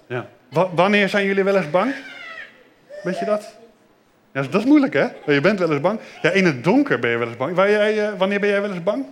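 A middle-aged man leading a children's church service, lively, asking the kids questions. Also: high voice.

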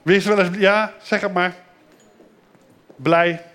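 A man giving a children's sermon in a simple, gentle way, asking the children questions and repeating their answers. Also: high voice, steady tone, measured pace. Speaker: children's pastor.

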